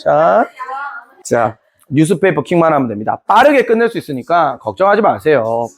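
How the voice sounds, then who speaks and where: A man's voice: fairly high pitch, very animated, normal speed. A man teaching a history class in a playful, joking way, acting out scenes. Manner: playful, jokey, acts out scenes. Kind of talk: lively classroom lecture.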